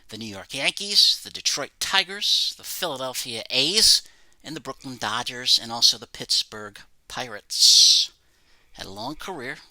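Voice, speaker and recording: A man's voice: medium pitch, pushed and bright, dry recording, low-quality recording. A man presenting items from his autograph collection, reading facts about each in a plain, matter-of-fact way. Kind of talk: casual show-and-tell narration.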